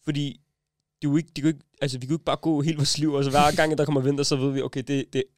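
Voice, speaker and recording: A man's voice: a little high, flat delivery, dry recording, clean studio sound. A young man hosting a casual podcast chat, teasing his friends and mixing English slang into his talk. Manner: teasing, laughs often, mixes English slang. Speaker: podcast host.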